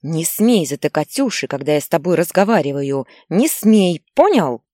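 A woman voicing an angry, short-tempered mother who scolds and shouts harshly at her son. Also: sits low, very animated, a little slow, no echo, clean studio sound, heavily acted.

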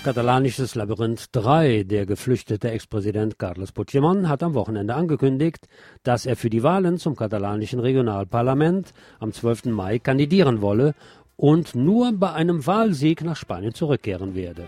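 A man presents scripted news with a mellow, relaxed voice at a middle pitch and normal speed. Faint music plays underneath as he moves through reports and pointed commentary.

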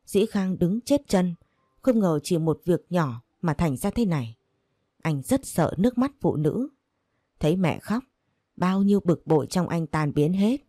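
A woman narrating an audiobook story in a steady, measured way. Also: lowish voice, dry recording, clean studio sound.

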